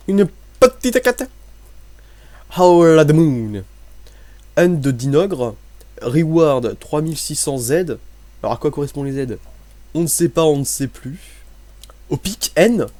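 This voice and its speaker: With a warm, mid-range voice and no echo, a young man from France offers relaxed, jokey commentary while gaming. He wanders from point to point and mocks himself throughout.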